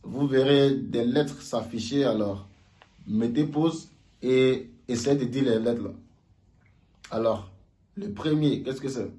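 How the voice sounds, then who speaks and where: A man teaches pronunciation in a relaxed video lesson, talking at an unhurried pace. He repeats each sound several times so learners can copy it, his voice sitting at an ordinary middle pitch. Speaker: language teacher.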